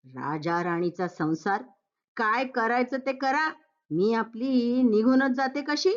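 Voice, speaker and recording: A woman's voice: fairly high pitch, lively intonation, a little slow, muffled recording. A woman voicing a fussy, self-righteous older mother-in-law who scolds and preaches, in a Marathi play reading. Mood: complaining.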